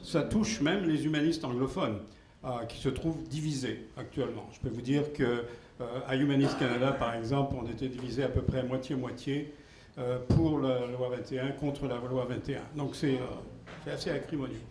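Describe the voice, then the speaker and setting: A man speaking at a conference question period, making a deliberate, argumentative point with fillers. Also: mid-range voice, fairly even intonation, a little mellow. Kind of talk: Q&A discussion. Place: conference hall. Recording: echoey hall with faint noise.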